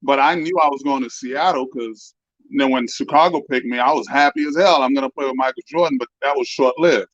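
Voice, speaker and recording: A man's voice: mid-range voice, brisk, dry recording. A man in his fifties, a former basketball player turned coach, chatting as a guest over a video call with a spotty connection. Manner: easygoing, rambling storyteller. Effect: heard over a video call with a spotty connection. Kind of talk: casual interview chat. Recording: dull lo-fi video call audio, dry.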